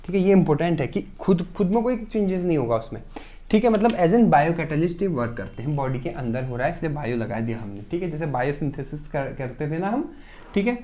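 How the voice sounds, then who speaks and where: A male lecturer patiently explains a science topic to his students. He keeps asking questions and answering them himself, and pauses often to confirm they have understood. The technical vocabulary comes through as English terms woven into his sentences. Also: a little high, lively intonation, warm tone, a little hiss or hum. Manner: asks rhetorical questions and keeps checking in with "okay". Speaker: pharmacy lecturer.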